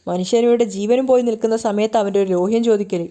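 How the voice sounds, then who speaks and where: A woman reading the lines of a sharp-tongued, suspicious older woman in a TV serial recap. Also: medium pitch, fairly even intonation, fast, natural voice. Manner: suspicious, muttering.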